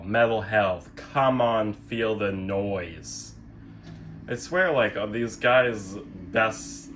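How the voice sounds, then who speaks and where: A young man who hosts a physical media collecting channel gives a casual, rambling show-and-tell, self-deprecating and sardonic with some offhand swearing. His voice is lowish and a bit bright, with slight hiss or hum in the audio.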